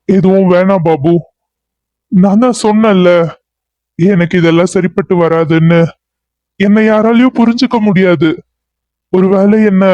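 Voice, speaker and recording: Man playing a mellow, high-pitched cartoon hero, resigned, dull lo-fi sound. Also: no room sound. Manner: brooding, resigned. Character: bitter, weary young man who feels misunderstood. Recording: dull lo-fi recording.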